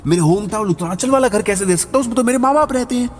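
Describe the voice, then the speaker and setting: A man's voice: a little high, animated, normal speed, a little mellow, breathy edge. A man voicing a hurt, betrayed young husband who pleads and bursts out indignantly. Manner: pleading, rising to indignant outbursts. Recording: reverberant voice-over with background music.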